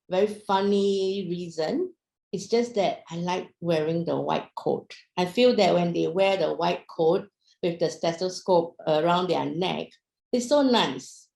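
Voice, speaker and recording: Raised in Singapore but from Myanmar, this young woman addresses an online audience in a relaxed business presentation, peppering it with fillers and questions. She has a low, gravelly voice with fry and a darkish tone, recorded in an echoey room.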